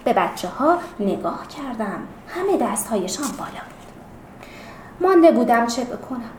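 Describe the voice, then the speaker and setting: A woman's voice: a little high, sing-song, a little mellow, reverberant, a little hiss or hum. A woman narrating a story expressively and acting out the characters' voices. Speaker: story reader.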